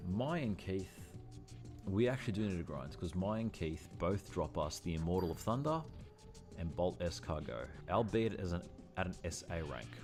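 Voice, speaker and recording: A man's voice: low-pitched, a little mellow. A man giving chatty livestream commentary while playing, thinking aloud and often correcting himself. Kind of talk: casual gameplay livestream commentary.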